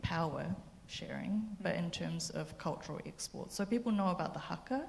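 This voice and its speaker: A woman's voice: fairly low pitch, expressive, normal speed, vocal fry, long reverb tail. A woman speaking passionately in a panel debate, conversational, with fillers.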